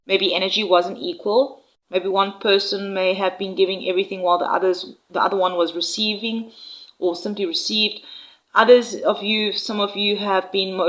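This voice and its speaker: A woman giving an intuitive tarot reading to viewers, speaking in an unhurried, reassuring way with frequent "all right?" check-ins. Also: medium pitch, fairly bright tone, low-quality recording. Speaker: tarot reader.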